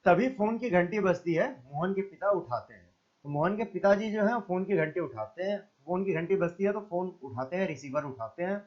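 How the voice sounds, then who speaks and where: A man's voice: high-pitched, expressive, moderate pace. A male Hindi teacher reads a play script aloud and then retells each line in plain words for his students. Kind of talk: reading and explaining a play script. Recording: dull lo-fi sound.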